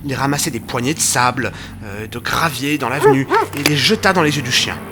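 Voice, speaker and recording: An actor playing Doctor Watson, narrating an audio drama with vivid, tension-building delivery. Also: male voice, mid-range voice, fairly quick, noisy background, natural voice. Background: music.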